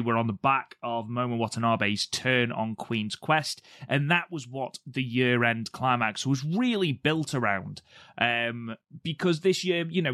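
A man co-hosts a casual podcast in a throaty voice, a bit poorly but still bright in tone. His humour is dry and self-mocking. The sound is very dry, with no room around it. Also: mid-range voice, no room sound. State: ill with a cold-like throat from covid. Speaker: podcast co-host. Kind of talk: casual wrestling podcast chat.

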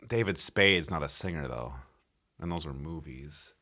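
A man co-hosting a comedy podcast, chatting jokily and getting excited as he guesses. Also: a bass voice. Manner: excitable, jokey, quick to crack up. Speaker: podcast co-host guessing the guest. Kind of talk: casual comedic chat.

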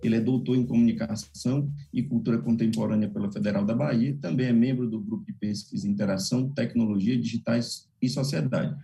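A man's voice: mid-range voice, fairly even intonation, brisk, gravelly, few pauses, warm tone. A man with a Brazilian accent hosting a live interview show in a courteous, informal manner. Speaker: host.

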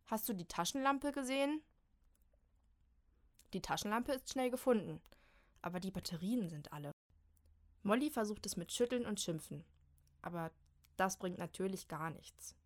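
A woman narrating a children's storybook with a lively, expressive reading. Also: medium pitch, normal speed, long pauses.

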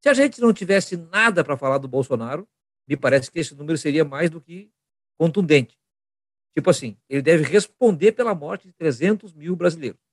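A man's voice: on the high side, lively intonation, fairly quick, no echo. Insistent man arguing a political point. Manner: argumentative, repeats points for emphasis. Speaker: podcast co-host. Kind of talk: casual political chat.

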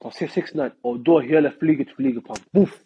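This clip has the highs cut off, and the man's medium-pitched voice comes through slightly rough. He's a young Swede with a suburban street-slang accent, a guest spinning a story in relaxed conversation, animated and slangy, impersonating the figures in it in English.

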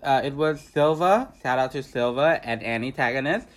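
A man's voice: medium pitch, expressive, moderate pace, over a noisy crowd. A young man from Vietnam who performs drag, speaking as a guest in casual chat, joking and loose with lots of fillers.

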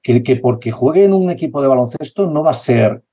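Man, basketball coach, passionate and insistent, very mellow tone. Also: medium pitch, animated, brisk, slightly rough. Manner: passionate, repetitive, acts out dialogue. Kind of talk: conversational interview.

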